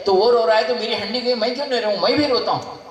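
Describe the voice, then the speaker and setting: A man's voice: very high voice, quick pace, voice pushed up. A man acting out a wailing holy man in an echoey hall. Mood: wailing, scolding. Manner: loud wailing, exclaiming. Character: agitated wandering male saint, wailing, scolding. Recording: echoey hall, far from mic.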